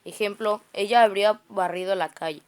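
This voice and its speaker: A woman reads her grammar notes aloud. She works through them in a plain, even, halting way, tripping over words and starting them again. Her voice is smooth and clear, at a middle pitch. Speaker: student reciting study notes.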